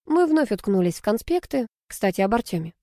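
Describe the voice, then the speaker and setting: A woman narrating a first-person novel as an audiobook, in a lively storytelling manner. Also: medium pitch, a little fast, dry recording, studio quality.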